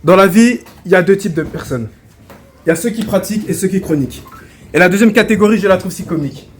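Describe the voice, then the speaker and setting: A man's voice: high voice, fast talker. A man delivering declamatory, mocking a cappella battle rap. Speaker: battle rapper. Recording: clearly noisy live recording.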